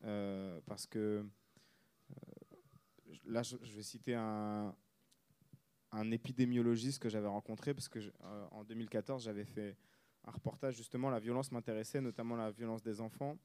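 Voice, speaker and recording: A man from France, an author and former reporter, answering interview questions in a measured, reflective way and often pausing to find his words. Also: fairly low pitch, steady tone, warm tone, clean tone.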